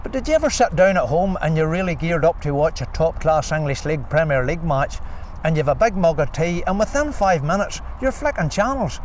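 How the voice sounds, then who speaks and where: A man's voice: a little high, lively intonation, fairly quick. An older man with a Northern Irish accent making emphatic, persuasive points in an unscripted sports interview. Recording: faint outdoor traffic noise.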